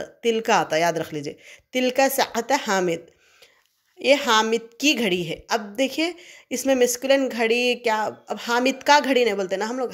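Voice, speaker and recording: Woman teacher doing exam prep, keeps saying okay?, asks stuff then answers it herself. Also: on the high side. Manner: explains step by step, asks and answers her own questions; checks in with "okay?" often. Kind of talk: exam revision lesson.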